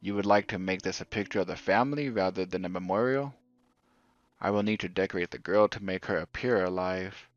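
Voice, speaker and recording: A man voicing a tall, bearded, middle-aged photographer with a German accent, speaking in a formal, measured and polite way. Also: sits low, lightly acted. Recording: dull lo-fi audio, faint music.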